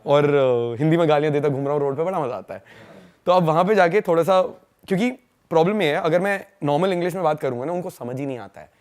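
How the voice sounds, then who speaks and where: A young man from India, a podcast guest, telling stories in a fast, slangy, casual way and laughing along. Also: on the high side, darkish tone. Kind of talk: casual storytelling chat.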